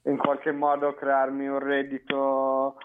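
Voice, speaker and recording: A man's voice: mid-range voice, monotone, slow pace, clear, resonant tone. Man on speakerphone, tinny phone sound. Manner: easygoing, rambling, repeats himself. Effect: on speakerphone over a phone line. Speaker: caller. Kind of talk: casual chat. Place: at home.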